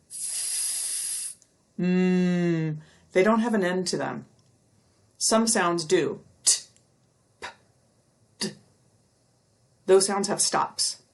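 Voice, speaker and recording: A middle-aged woman giving a recorded lecture, explaining step by step and stretching out speech sounds slowly to demonstrate them. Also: on the low side. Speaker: university lecturer.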